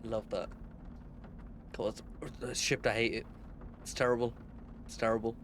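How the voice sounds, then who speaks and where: A man's voice: medium pitch, little pitch movement, moderate pace, a bit bright, a little hiss or hum. A young man streaming a game, chatting casually with viewers and swearing a lot. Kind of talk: casual live-stream chat.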